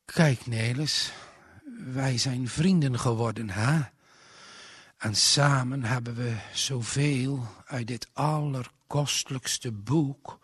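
A man voicing a frail, dying old gentleman who speaks slowly and tenderly, giving a pious blessing in solemn biblical language. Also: medium pitch, husky, no echo, clean studio sound. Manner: slow, weary, blessing in solemn biblical phrasing.

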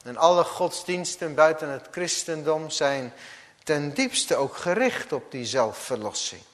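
A man preaching a sermon as a pastor, slow and deliberate, now and then acting out the figures of a parable. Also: a little high, lively intonation, long reverb tail.

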